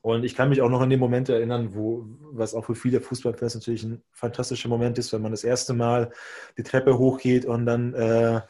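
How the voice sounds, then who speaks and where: A man's voice: mid-range voice, flat delivery, fairly quick, mellow. A man from Hungary, a native Hungarian speaker, co-hosting a podcast and telling a long personal story in a rambling, self-correcting way. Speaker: podcast co-host. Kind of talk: casual chat, personal storytelling.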